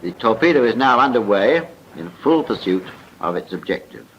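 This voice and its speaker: Recorded as film voice-over on a muffled, noisy 1940s-style soundtrack, a British man delivers formal, precise scripted narration evoking a 1940s military training film. His fairly low voice is a bit bright, moves at normal speed, and swings widely in pitch.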